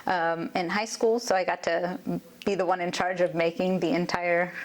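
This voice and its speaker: A woman's voice: on the low side, level tone, moderate pace. Friendly, laughing woman judge. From Maryland, USA. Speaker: judge, interview guest. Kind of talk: casual interview conversation.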